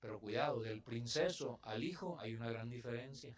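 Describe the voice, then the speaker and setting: A man's voice: mid-range voice, moderate pace. A man from Mexico preaching a sermon in church, talking to the congregation in a conversational way and putting questions to them. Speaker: pastor.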